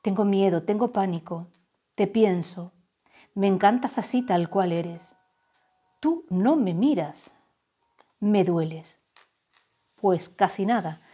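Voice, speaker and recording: Soft-spoken woman reading tarot, warm and breathy. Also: mid-range voice, expressive. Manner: slow, soft, drawn-out channeled phrases. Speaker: tarot reader. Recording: faint background music.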